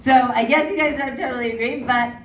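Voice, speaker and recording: A woman doing a stand-up comedy set at an open mic in a pub, animated and mocking as she talks. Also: sits high, brisk, a little hiss or hum. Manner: animated, mocking voices of others. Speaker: stand-up comic. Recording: roomy pub sound from far off.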